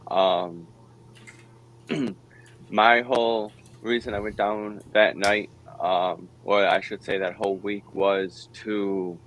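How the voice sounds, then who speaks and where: A man's voice: low-pitched, a little hiss or hum, rough recording. A man who is a photographer, introducing himself hesitantly, with many ums. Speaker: photographer guest. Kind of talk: casual panel chat.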